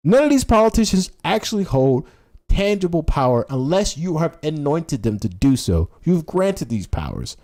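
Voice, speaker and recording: A male political streamer delivers a scornful, sarcastic exposé off the cuff. His voice sits a little high and leaps dramatically up and down. He is blunt and profane, hammering points home with rhetorical questions. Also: big pitch swings, moderate pace, dark tone. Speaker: political livestreamer. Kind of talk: unscripted political rant on a livestream.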